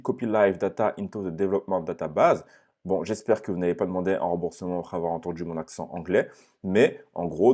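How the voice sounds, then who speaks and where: A young man walks through a software tutorial in a very low, husky voice. His tone is dark and mellow, and he paces his explanation step by step, frequently stopping to ask "ok?" into a close microphone. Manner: explains step by step, often checking with "ok?". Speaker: online course instructor. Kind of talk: screen-share tutorial.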